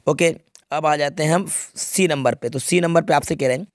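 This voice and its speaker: A man whose voice sits on the high side teaches English grammar at a moderate pace, working through an exam paper step by step. He often checks that students are following, and the studio sound is clean with no room sound.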